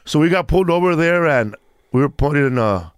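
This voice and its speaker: A man's voice: fairly high pitch, lively intonation, a little fast, clean tone, dry recording, studio quality. A man in his fifties from Mexico, telling stories in a casual chat with lots of restarts and acted-out quotes. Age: 50s. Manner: rambling storyteller, restarts, acts out quotes.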